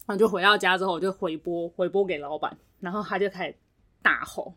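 A woman's voice: on the low side, fast talker. A young woman, co-hosting a podcast and telling a work story in casual chat, acting out what others said. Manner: animated retelling, acts out quoted voices. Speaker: podcast co-host.

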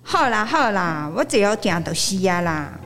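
A woman's voice: medium pitch, very animated, moderate pace, fairly bright tone, long reverb tail, faint music behind. A woman playing a bookish young boy who brushes off his mother impatiently. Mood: grudging.

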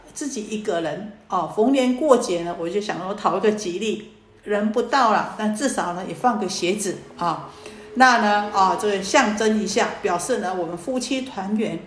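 A woman's voice: medium pitch, normal speed, lightly acted. A woman voicing a loyal wife who scolds her husband indignantly. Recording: roomy echo.

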